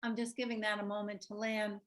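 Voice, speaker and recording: A woman's voice: mid-range voice, level tone, brisk. A woman presenting an online workshop on a video call, talking reflectively, telling stories and asking the group questions.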